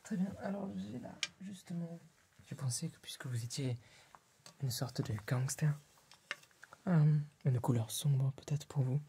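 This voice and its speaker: The young adult ASMR artist, cast as a fussy but polite tailor, whispers hesitantly and breathily to a client in a small tailor's-workshop set. His gravelly voice sits on the high side and moves a little slowly, with a noisy background on the close mic.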